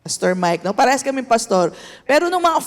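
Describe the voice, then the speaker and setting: Animated Filipino woman preaching. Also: high-pitched, fairly quick. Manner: mixes Tagalog and English, animated, asks the congregation for amens. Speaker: pastor. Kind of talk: sermon. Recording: echoey hall.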